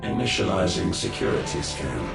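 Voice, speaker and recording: A man's voice: deep voice, very animated, normal speed, vocal fry, heavily acted. A man voicing a stern male security robot that gives clipped, commanding alert announcements in a video game. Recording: echoey and distant, music behind.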